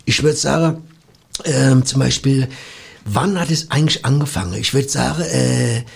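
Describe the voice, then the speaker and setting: Gravelly, rambling man. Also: medium pitch, normal speed. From Hesse. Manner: rambling, absurd deadpan tall tales. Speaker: comedy radio host. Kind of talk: improvised comedy banter.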